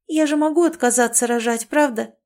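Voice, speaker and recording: Woman putting on a shrill frightened young woman in labour. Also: brisk, darkish tone, natural voice. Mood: pleading. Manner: high, tearful and pleading.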